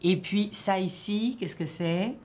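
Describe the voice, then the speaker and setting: A woman teacher leads a one-on-one reading assessment with a child. She asks patient, probing questions and encourages the child. Her voice sits at a middle pitch. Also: slow, a little mellow, a little hiss or hum.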